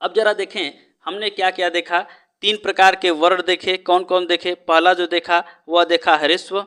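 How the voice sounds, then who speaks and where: Bright, clear-voiced male teacher. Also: sits high, little pitch movement, moderate pace. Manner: asks rhetorical questions and answers them himself; keeps adding a checking "है ना?". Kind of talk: exam-prep lesson.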